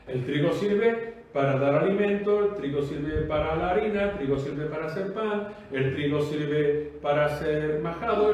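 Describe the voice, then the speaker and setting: A man's voice: sits high, distant mic. A man from Spain preaching a sermon, emphatic and full of rhetorical questions with repeated, rolling cadences. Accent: Spanish from Spain. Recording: echoey room, voice off-mic.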